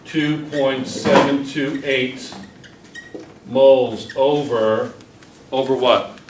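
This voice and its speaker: A middle-aged man teaches chemistry at the whiteboard, speaking extremely slowly in a mid-range voice with little pitch movement. He encourages his students and quizzes them constantly while working through problems. A distant camera picks him up in a roomy classroom with a noisy background.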